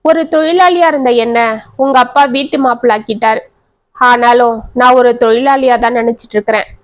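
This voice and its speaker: A worn-out husband who keeps reassuring everyone in a low, slow, soft way, as a woman storyteller puts him on. The reading is close and dry, with the voice still fairly high. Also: no echo, natural voice. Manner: soft, reassuring, speaks slowly. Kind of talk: storybook narration.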